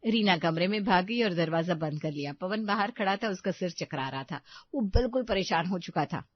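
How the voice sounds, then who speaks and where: A woman narrating a scripted cartoon story in a steady, expressive storyteller manner. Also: lowish voice, normal speed, dry recording, dull audio.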